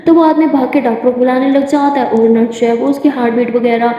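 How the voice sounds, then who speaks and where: A woman's voice: high voice, fairly even intonation, dark tone. Woman storyteller in an echoey room. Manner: rapid, loose "she says" tagging, restarts. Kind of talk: casual retelling of a love story. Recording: echoey room, long reverb, dull lo-fi sound.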